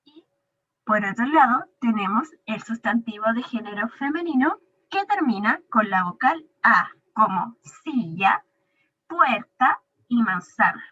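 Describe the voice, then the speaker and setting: Woman, teacher, recorded lesson for a child, patient, drawn-out examples, muffled lo-fi sound. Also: on the high side, expressive, pushed and bright, slightly rough. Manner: patient, stretches example words slowly. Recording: dull lo-fi recording.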